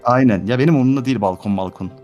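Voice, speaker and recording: A man's voice: medium pitch, rapid-fire, darkish tone, muffled recording, soft background music. A young man chatting casually with friends on voice chat, telling a rambling story from his home. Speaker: streamer. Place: home room.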